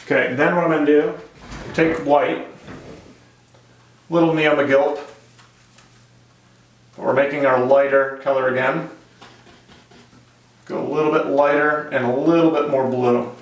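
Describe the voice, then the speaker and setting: A man teaching painting step by step in a gentle, informal, encouraging way. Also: fairly high pitch, steady tone, a little slow, pauses often. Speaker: painting instructor. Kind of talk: casual step-by-step painting tutorial. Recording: echoey room, distant microphone.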